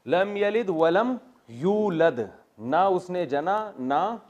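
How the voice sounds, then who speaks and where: A man's voice: high-pitched, expressive, a little mellow, highs cut off. A man with a Pakistani Urdu accent, a religious teacher giving a classroom lesson on Quran grammar, explaining step by step, quizzing his students and telling jokes.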